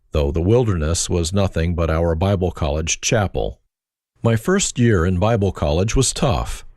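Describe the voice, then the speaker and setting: An older man with a German accent narrates his memoir with reflective, dry humor. His voice sits very low but moves with a lively, expressive pitch. The sound is close and dry, with no room around it. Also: no room sound. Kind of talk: autobiographical narration.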